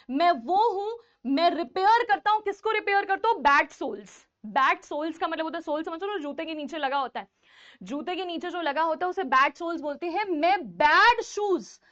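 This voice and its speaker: A woman teacher explaining a play line by line, reading lines slowly and then paraphrasing them. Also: very high-pitched, a bit bright. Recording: dull lo-fi audio.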